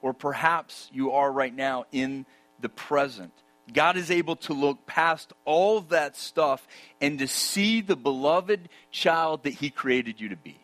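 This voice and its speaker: A man preaching a sermon, emphatic and full of rhetorical questions, dropping to a hush for key points. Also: fairly high pitch, a little slow.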